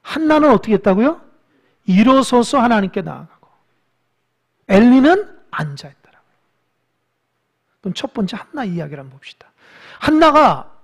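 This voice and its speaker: A pastor preaching a sermon in a lively way, putting questions to the congregation and exhorting them. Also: sits high. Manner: animated, asks the congregation questions; exhorting, with quiet stretches.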